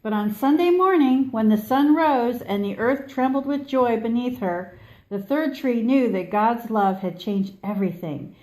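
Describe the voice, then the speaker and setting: A woman reading a children's story aloud expressively, with measured delivery and dramatic pauses. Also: fairly high pitch, a little mellow, low-quality recording. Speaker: storybook reader.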